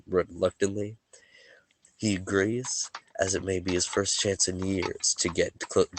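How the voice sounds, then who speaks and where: Over a noisy background, a man with a deep voice runs a tabletop game, chatting casually before reading out a story recap. Allergies leave him sniffly and slightly worn. His manner is relaxed and jokey, with stumbles and restarts along the way.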